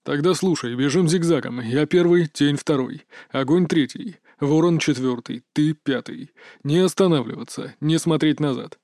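A man's voice: a little high, normal speed, few pauses, a little mellow, no echo, studio quality, close to an everyday voice. A man barking orders as a tough squad commander. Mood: commanding. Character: tough male squad commander, curt and decisive.

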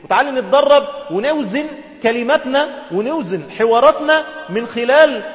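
An Egyptian man with a notably high voice talks through a communication skills lesson. He explains patiently and acts out brief example dialogues along the way. The recording sits in a large, reverberant hall. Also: expressive, a little fast. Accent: Egyptian Arabic. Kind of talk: instructional talk to women viewers. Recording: echoey hall with long reverb.

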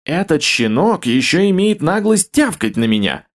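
A blustering, mustached baron with a raised, jealous roar, as a male reader puts him on. He barks threats and insults at a young rival in a higher, louder bark than the narration. An adventure audiobook voice. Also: sing-song, moderate pace. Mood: raging. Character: hot-tempered jealous mustached baron, middle-aged man.

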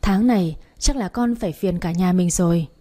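A woman's voice: fairly low pitch, moderate pace, dark tone, close to an everyday voice. A woman voicing a polite young woman greeting her elders. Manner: polite, deferential.

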